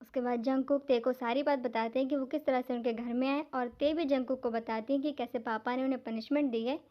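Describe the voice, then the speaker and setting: A woman's voice: sits high, steady tone, brisk. A woman narrating a fan dub story in a plain, explanatory way. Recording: dull lo-fi home recording.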